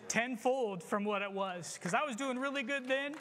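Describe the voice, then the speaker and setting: A man with a high voice gives an earnest sermon testimony, speaking plainly about his own failings. His voice carries a long reverb, as if picked up in a large church hall. He speaks in a confessional tone and presses his listeners to act. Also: moderate pace, background noise. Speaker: church member giving testimony.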